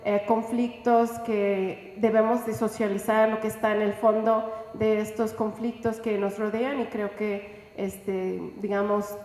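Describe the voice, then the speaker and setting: Brief: woman panelist, flat and slow delivery, roomy hall sound. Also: mid-range voice. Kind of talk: panel talk. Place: large hall at a book presentation. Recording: echoey hall.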